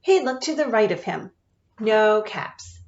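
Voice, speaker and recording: A woman teacher reading a picture book aloud to children, expressive and often asking them questions. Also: mid-range voice, unhurried, reverberant. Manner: expressive, asks listeners questions. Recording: dull lo-fi sound.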